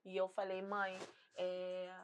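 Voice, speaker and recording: A woman's voice: medium pitch, monotone, slow, slight background noise. A woman pastor with a Brazilian Portuguese accent, giving an earnest, emotional faith testimony in an interview, rising to fervent intensity. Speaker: pastor and singer, guest.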